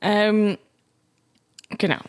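A woman's voice: mid-range voice, very slow, clear, resonant tone. Swiss German woman recounting a story with feeling. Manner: emotional, laughing storytelling. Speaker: podcast co-host. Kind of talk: casual chat.

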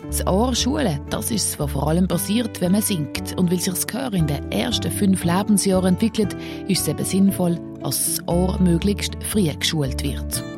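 A woman with a Swiss German accent, a radio reporter reading scripted narration and asking interview questions in a measured way. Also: lowish voice, expressive, gravelly, music in the background.

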